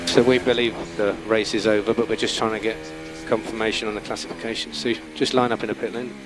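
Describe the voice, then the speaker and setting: A race engineer gives a driver clipped, repeated instructions over team radio, the transmission noisy with car sounds. His voice is on the low side, fast and fairly even in intonation.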